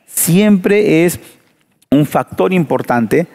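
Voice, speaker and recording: A man's voice: fairly high pitch, lively intonation, very slow, vocal fry, a little mellow. A man preaching in a panel discussion, asking rhetorical questions and telling stories with emphasis.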